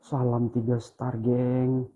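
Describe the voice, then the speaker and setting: Hushed man calling out to spirits. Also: mid-range voice, completely flat delivery, takes it slowly. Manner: hushed, alert, calls out greetings to spirits. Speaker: ghost-hunting video host. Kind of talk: live paranormal investigation commentary.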